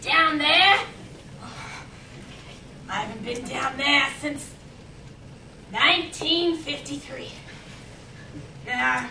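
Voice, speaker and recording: On stage, a woman plays a reluctant, embarrassed elderly woman recalling her youth, delivering a halting, blunt, easily flustered monologue in a high-pitched voice that sounds disgusted and dismissive. A camera at the back of the performance room catches it distantly, with roomy hall echo and noisy audio.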